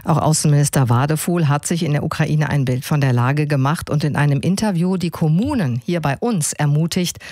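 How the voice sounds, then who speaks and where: A woman presenting a radio news show from a studio, in a clear, measured news-reading manner. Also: deep voice, darkish tone, dry recording.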